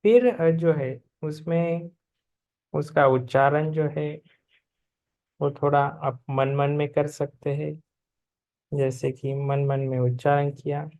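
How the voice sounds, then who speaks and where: A man teaching a yoga and meditation lesson, explaining calmly and chanting mantras with softly fading endings. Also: fairly high pitch, slow, long pauses.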